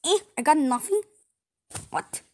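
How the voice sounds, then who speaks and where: A woman's voice: high voice, lively intonation, measured pace, warm tone. A young woman hosting a gaming video, giving playful, rambling reactions as she plays. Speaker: gaming channel host. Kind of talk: casual game commentary.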